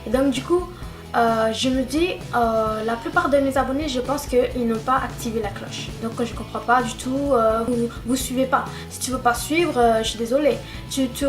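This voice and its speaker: A woman vlogger chatting casually and directly to her subscribers, repeating words for emphasis, recorded at home at night on a camera-mounted mic. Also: sits high. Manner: repetitive, keeps stressing "vraiment"; talks straight to the viewer. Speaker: YouTube vlogger. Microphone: camera-mounted shotgun mic.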